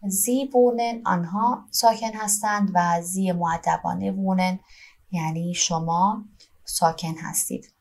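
Woman teacher doing an online language lesson, patient, explains step by step, says each verb form slow and clear. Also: lowish voice, steady tone, darkish tone. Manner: slow, careful dictation of German verb forms with Persian explanations.

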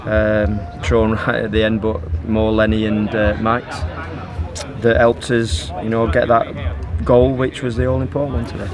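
Flat-toned football manager outdoors. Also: male voice. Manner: measured, even and level, with frequent fillers. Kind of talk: post-match interview. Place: outdoors on a football pitch by the stands. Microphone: handheld phone held by interviewer. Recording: outdoor pitch with crowd noise behind. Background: crowd noise.

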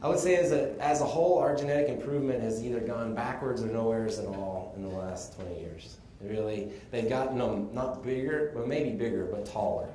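A man from Texas gives a casual conference presentation, explaining things in a relaxed way with the odd chuckle. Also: mid-range voice, a little fast, few pauses, slight background noise. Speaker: conference speaker on sheep breeding. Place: conference room. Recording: echoey conference room, faint ambience.

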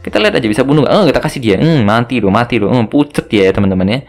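A man's voice: medium pitch, lively intonation, racing. A young man talks through a match in casual, joking commentary. His voice swings up and down a lot as he teases and hurries his teammates along, with faint music playing underneath. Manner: chatty and joking, ends phrases with tag words. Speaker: gaming video host.

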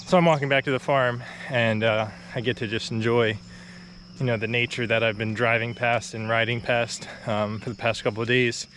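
Walking a quiet country road, a young man films a casual vlog on a phone or action camera held at arm's length. His medium-pitched voice moves at a moderate pace, a bit breathless from the uphill climb, loose and chatty with many fillers and quick laughs. A little hiss or hum sits in the recording.

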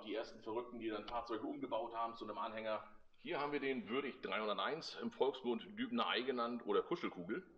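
A man's voice: lowish voice, a bit bright. A man, giving a casual, wry guided tour of a collection in a large hall. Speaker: club member presenting a vehicle collection. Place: large indoor exhibition hall. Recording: slightly dull, lo-fi sound.

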